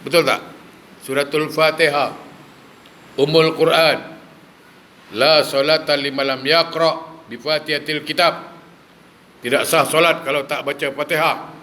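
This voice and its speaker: A male preacher gives a lively sermon, firing rhetorical questions at his listeners and mixing in humor. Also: fairly high pitch, unhurried, pauses often, a little hiss or hum. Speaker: religious preacher.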